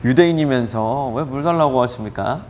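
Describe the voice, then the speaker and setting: A man voicing a sharp-tongued Samaritan woman at a well, retorting with mocking disbelief. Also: medium pitch, brisk, a little hiss or hum, lightly acted. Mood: sarcastic.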